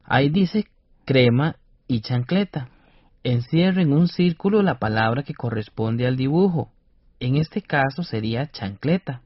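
Husky man presenting a radio reading lesson. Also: mid-range voice, lively intonation, a little slow, no echo. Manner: careful, explanatory, over-articulated syllables. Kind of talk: scripted educational radio lesson. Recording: dull dry studio radio recording.

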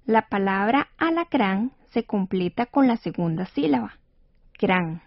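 A woman teaching as a radio instructor in a scripted educational lesson, speaking patiently and clearly with encouragement. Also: medium pitch, expressive, a little slow, no echo. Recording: dull dry studio radio recording.

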